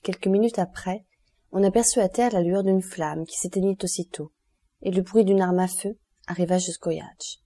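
A woman narrating a classic novel as an audiobook, in a steady, even reading manner. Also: lowish voice, moderate pace. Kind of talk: scripted literary narration.

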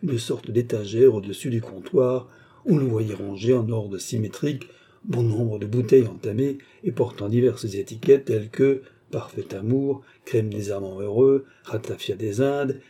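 A man reading a classic novel aloud as audiobook narration, in a measured, even delivery. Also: medium pitch, breathy edge.

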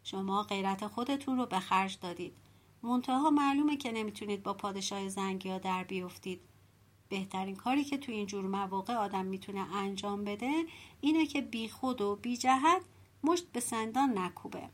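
A woman's voice: medium pitch, close to an everyday voice. A woman voicing an older male innkeeper who soothes and advises, in a storybook reading. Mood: soothing.

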